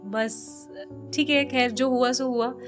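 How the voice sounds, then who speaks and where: A woman's voice: sits high, steady tone, slow, music in the background. A young adult woman, a voice actor, talking heartfelt and emotional in a casual interview, slipping in English words. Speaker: voice actor guest.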